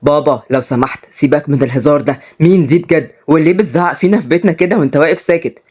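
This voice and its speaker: Proud young student son, indignant and fast-talking, as a woman storyteller plays him. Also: low voice, darkish tone, breathy edge. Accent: Egyptian Arabic.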